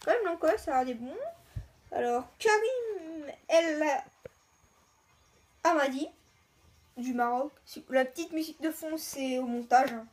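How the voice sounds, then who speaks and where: Woman host with a high pitch, easygoing and a bit halting, talking viewers through an unboxing. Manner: halting, chatty, lists names one by one. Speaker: video host. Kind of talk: casual card-unboxing commentary.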